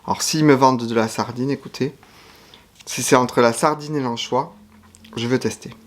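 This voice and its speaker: A man's voice: mid-range voice, steady tone, moderate pace, slight background noise. A man giving casual food-tasting commentary to camera, chatty and frank, sometimes talking while chewing. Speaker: YouTuber tasting foreign food.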